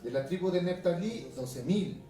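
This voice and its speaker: A male pastor from Ecuador with a highland Ecuadorian accent, preaching a conversational sermon, reading scripture aloud and often asking his listeners questions. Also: expressive, normal speed, dark tone. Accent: Ecuadorian highland Spanish. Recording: echoey room from a distance, music behind.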